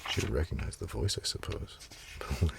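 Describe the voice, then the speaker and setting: Very deep gravelly soft-spoken man. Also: lively intonation, fairly quick, noisy background. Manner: soft-spoken, half-whispered, musing asides. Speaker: ASMR creator. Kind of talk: soft-spoken ASMR comic reading. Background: pen and page sounds.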